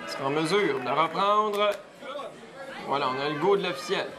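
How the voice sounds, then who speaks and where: A man's voice: on the high side, normal speed. A man with a Quebec French accent hosting and calling boxing as a live commentator. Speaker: sports host and play-by-play commentator. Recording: clear crowd noise behind. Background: boxing crowd.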